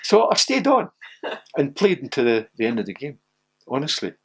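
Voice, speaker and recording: A man's voice: normal speed, husky. Older man telling football stories. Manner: laughing anecdotal, gets loud and high when excited. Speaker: former footballer interviewee. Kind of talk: animated storytelling.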